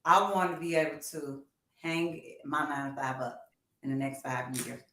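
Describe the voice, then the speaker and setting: This woman in her fifties is a co-host on a casual music talk livestream, chatting animatedly and encouragingly to her audience. Her voice sits low with a fairly bright tone at normal speed, over echoey, roomy sound with a little hiss or hum.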